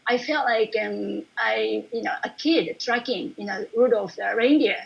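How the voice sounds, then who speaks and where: A woman from Japan, a painter, giving a casual online presentation over a video call, talking in a chatty way with many fillers and soft laughs. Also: fairly high pitch, a little slow, gravelly, breathy edge, dull audio. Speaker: watercolour painter presenting her work.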